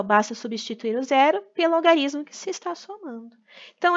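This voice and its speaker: A woman's voice: fairly high pitch, a bit bright. Brazilian lady teacher going over homework, patient, keeps checking in, muffled sound. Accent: Brazilian Portuguese. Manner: patient, explains slowly, checks in with "tá?" and "né?". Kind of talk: recorded remote class lesson.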